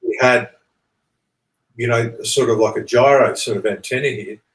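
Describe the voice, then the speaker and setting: A male interview guest speaks at normal speed in a steady, mid-range voice, recorded with an echoey, roomy sound. Conversational and earnest, he rambles through his ideas, repeats himself, and keeps checking that he's followed.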